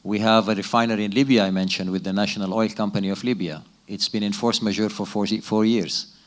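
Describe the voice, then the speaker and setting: Measured low-voiced man from Sudan. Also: steady tone. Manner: measured, with frequent restarts and hesitations. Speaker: business executive, keynote guest. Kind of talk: fireside chat Q&A answers.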